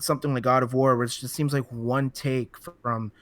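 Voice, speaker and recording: A man's voice: mid-range voice, level tone, moderate pace, fairly bright tone, no room sound. Man, podcast guest, casual chat, hesitant, restarts sentences, dry sound.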